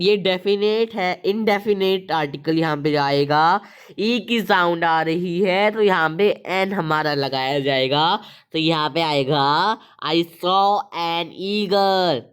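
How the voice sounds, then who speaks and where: Slow, clear-voiced woman teaching grammar. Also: medium pitch. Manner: patient, asks and answers her own questions; reads English example sentences very slowly. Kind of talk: online grammar lesson.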